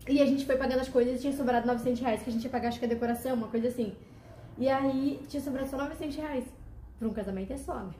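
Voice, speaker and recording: Fast-talking high-voiced woman, roomy sound. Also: slight background noise. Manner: animated, emotional retelling with quoted dialogue. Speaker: guest telling her testimony. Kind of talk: casual storytelling.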